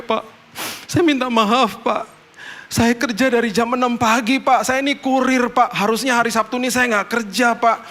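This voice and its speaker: A man's voice: very high voice, sharp tone, pitched above the performer's own voice. A man voicing an exhausted young male motorbike courier who pleads tearfully for forgiveness. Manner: tearful pleading, ending each phrase with "Pak".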